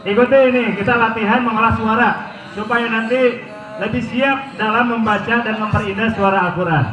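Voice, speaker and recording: A man leads a group of teachers in a vocal drill for Quran recitation, singing pitch patterns and calling on them to answer. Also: fairly even intonation, a little fast, pushed and bright, distant mic. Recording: roomy echo with music behind.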